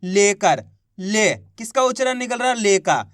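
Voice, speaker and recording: A man's voice: very high voice, expressive, normal speed, fairly bright tone, clear, resonant tone, dry recording, clean studio sound. A man teaching an online spelling lesson, repeating each word and quizzing the viewers patiently. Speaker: Hindi teacher.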